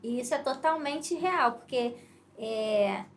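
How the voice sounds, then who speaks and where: A woman hosts a podcast in a studio, chatting casually with her guest. Her voice is a little high, she keeps her remarks short and affirming, and faint noise sits under the recording. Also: slow pace. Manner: brief affirming interjections. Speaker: podcast host. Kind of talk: casual interview chat.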